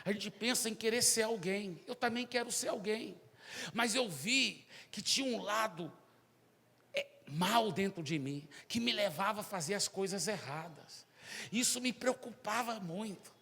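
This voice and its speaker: A man voicing an arrogant young male atheist student leader who shouts and mocks. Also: high voice, measured pace, vocal fry, husky, in a large hall, exaggerated voice. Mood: confessional. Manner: loud, mocking, shouting.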